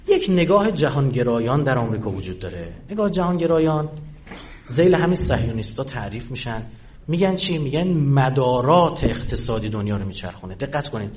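A man giving a lecture to an audience, animated and full of rhetorical questions. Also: on the high side. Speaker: political speaker. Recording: dull lo-fi sound.

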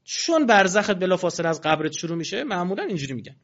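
Male preacher, colloquial and animated with mocking asides, slightly high voice, muffled lo-fi recording. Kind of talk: religious sermon. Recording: dull lo-fi recording.

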